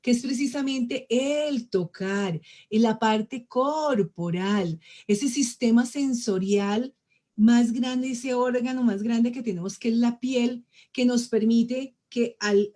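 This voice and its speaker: A woman lecturing to an audience. Her voice is mellow and warm, and she speaks expressively, acting out different tones of voice as examples. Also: a little high, slow pace. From Colombia. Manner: expressive, demonstrates tones of voice, addresses audience directly. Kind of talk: public lecture.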